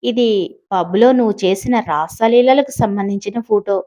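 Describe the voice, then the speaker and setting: A woman voicing a calm young married woman who needles her rival with sarcasm, in an audiobook. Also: medium pitch, normal speed, close to an everyday voice. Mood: pointed.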